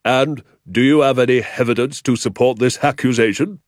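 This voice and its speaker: A man voicing a stern, officious village police sergeant who speaks in slow, ungrammatical country talk. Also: medium pitch, fairly even intonation, no echo, studio quality, voice pushed up, natural voice.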